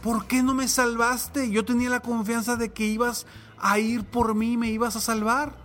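A man's voice: very high-pitched, level tone, normal speed, fairly bright tone, soft background music, voice pushed up. A man voicing a stubborn drowning man who keeps refusing rescue, insisting and reproachful.

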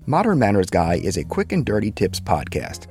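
A man's voice: wildly swooping pitch, normal speed, a little mellow, faint music behind. A man hosting a scripted etiquette advice podcast, wry and playful, voice leaping up for emphasis. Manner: wry, playful delivery with sudden jumps in pitch.

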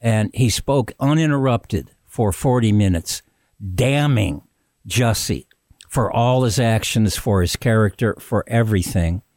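A man's voice: lowish voice, a little slow, a little mellow, no echo, clean studio sound. A man hosting a podcast, giving conversational, emphatic commentary. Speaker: podcast host.

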